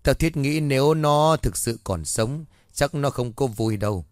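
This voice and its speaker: A cold, gloating avenger in a spoken horror story, as a male narrator puts him on. He talks low and steady at a middle pitch, and the voice sits dry and close with no room around it. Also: measured pace, no echo, lightly acted. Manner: gloating, menacing. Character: vengeful middle-aged man, cold and mocking.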